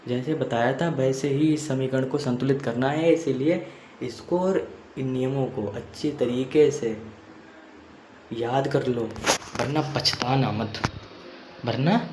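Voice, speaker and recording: A man's voice: medium pitch, a little mellow. A man teaching a chemistry lesson, repeating points and often checking in with students. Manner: repeats points, frequent "theek hai" check-ins. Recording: echoey room with faint noise.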